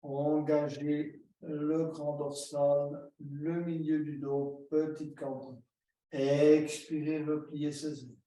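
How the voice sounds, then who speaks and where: A man leading a yoga class, giving slow, calm breathing and posture cues step by step. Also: fairly high pitch. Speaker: yoga teacher. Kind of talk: guided yoga instruction. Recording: very echoey room, distant mic.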